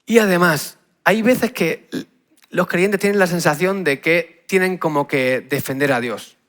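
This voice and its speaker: A man with a Spain Spanish accent giving an energetic youth talk, punchy and often checking in with the crowd. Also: sits high, a little slow. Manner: punchy, asks the crowd "¿sí?" over and over. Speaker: youth speaker.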